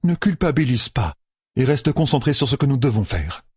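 A man reading an audiobook, voicing a proud, sharp-tongued female channeler with dry, bossy teasing. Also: mid-range voice, very animated, normal speed, breathy edge, no echo, voice pushed up. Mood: firm. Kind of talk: audiobook narration.

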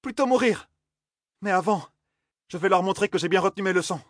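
A man's voice: sits high, brisk, no echo, studio quality, pitched above the performer's own voice, close to an everyday voice. A man reading an audiobook, voicing a stubborn young woman who cries out vehemently. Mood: defiant.

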